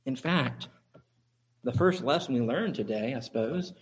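A man's voice: medium pitch, expressive, measured pace, slight background noise. A man preaching a sermon as pastor, using emphatic, repetitive phrasing.

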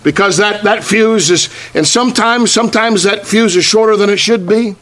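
A man preaching a sermon as pastor, repeating phrases and slowing down to stress key words. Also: high voice, fairly bright tone.

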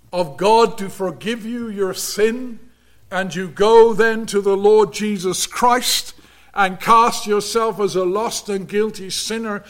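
High-voiced, slow, earnest male preacher. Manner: earnest, emphatic preaching with sudden hushed drops. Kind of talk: sermon.

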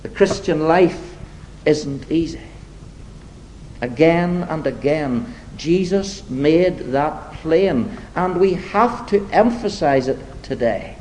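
A man preaching a sermon to his congregation, deliberate and emphatic, slipping into wry, self-deprecating asides. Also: on the high side, lively intonation, a little mellow, a little hiss or hum, rough recording.

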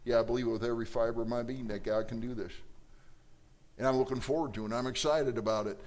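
A man's voice: medium pitch, steady tone, fast talker, a little mellow. A middle-aged male pastor preaching a sermon with fiery emphasis, reading scripture aloud and acting out quoted voices.

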